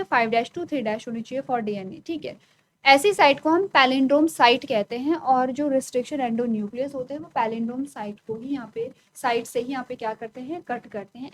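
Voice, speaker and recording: Woman teacher, high voice, studio lecture, asks and answers own questions, checks in often. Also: fairly bright tone, slight background noise, poor audio. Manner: explains step by step, asks questions then answers them, frequent "ठीक है" check-ins. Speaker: biology teacher. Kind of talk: virtual classroom lecture. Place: studio classroom.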